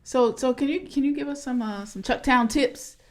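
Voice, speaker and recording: A woman's voice: sits high, normal speed. A woman talking casually as a podcast host. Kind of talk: casual conversation.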